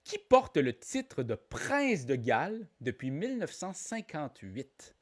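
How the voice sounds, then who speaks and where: A man's voice: fairly high pitch, very animated, slow pace. A man with a Québécois accent hosting a live online trivia game, playful and joking, repeating each question aloud and calling out players. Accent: Québécois French. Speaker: trivia quiz host.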